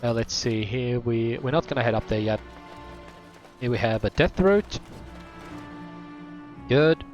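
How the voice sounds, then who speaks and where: A man's voice: medium pitch, unhurried, long pauses, a little mellow, dull audio, faint music behind. A man streaming a video game, rambling casually and often correcting himself. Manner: rambling, with many fillers and self-corrections. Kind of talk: casual let's-play commentary.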